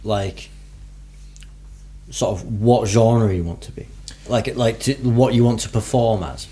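Mellow-voiced male host, hesitant. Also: lowish voice, a little slow. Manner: hesitant, restarts questions. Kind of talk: casual interview.

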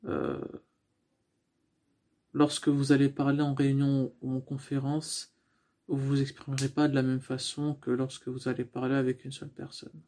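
A man's voice: medium pitch, monotone, normal speed, dark tone. A man teaching about using the voice in communication, explaining step by step with frequent restarts and fillers. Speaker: speaking coach. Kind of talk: instructional talk on voice.

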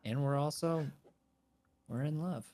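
A man's voice: a little high, a little slow, a little mellow. A man co-hosting a casual podcast, joking around and swearing freely. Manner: jokey, profane, swings into hammy hype voice. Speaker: podcast co-host.

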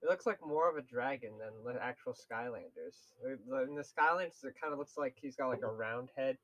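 A man's voice: medium pitch, animated, a little fast, a bit bright, poor audio. A young man co-hosting a casual podcast chat, rambling with lots of fillers and laughs. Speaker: podcast co-host.

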